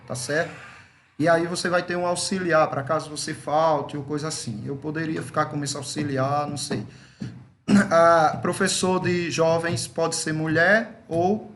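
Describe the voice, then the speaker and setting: A man with a Brazilian Portuguese accent, leading a church members' meeting in an unhurried way, often checking in with tag questions. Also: fairly high pitch, reverberant. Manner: unhurried, steady tag questions like "certo?" and "veja". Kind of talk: casual meeting talk and short exhortation.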